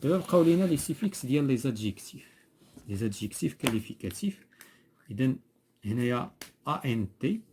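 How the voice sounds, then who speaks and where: A man's voice: mid-range voice, very animated, quick pace, noisy background. A man with a Moroccan Arabic accent teaching a French lesson in class, patiently repeating terms and prompting a pupil to finish words. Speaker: primary school French teacher.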